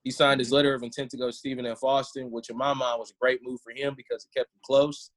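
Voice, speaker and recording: A man's voice: mid-range voice, flat delivery, quick pace, fairly bright tone. Man, football coach, podcast guest, casual storytelling, easygoing, mid-range voice. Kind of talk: casual interview chat.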